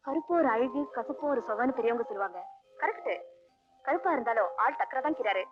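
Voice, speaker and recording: A woman's voice: a little high, animated, brisk, lightly acted. An actress playing a sly young woman posing as blind who teases and talks back in an old drama film. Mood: teasing. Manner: teasing, sassy. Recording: dull old film soundtrack with music.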